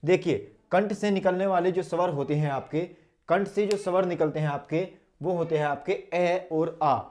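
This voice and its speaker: A man teaching an online Hindi lesson, demonstrating each vowel sound slowly and aloud, and asking questions he then answers himself. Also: sits high, a little mellow. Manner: drills sounds aloud, asks and answers his own questions.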